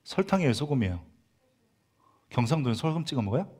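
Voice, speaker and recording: Korean pastor preaching with dynamic emphasis. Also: male voice, medium pitch, fast talker, husky. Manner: lively preaching that swings between loud emphasis and hushed asides; tells humorous everyday anecdotes. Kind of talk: sermon.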